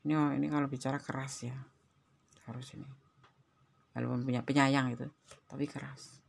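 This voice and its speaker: A woman reads tarot cards for her viewers, speaking with a light tinge. Her voice sits very low and carries a gravelly, fry-edged texture. She talks in a chatty, exclamatory way, often breaking into pious interjections. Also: level tone, fairly quick. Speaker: tarot reader. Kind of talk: tarot card reading addressed to viewers.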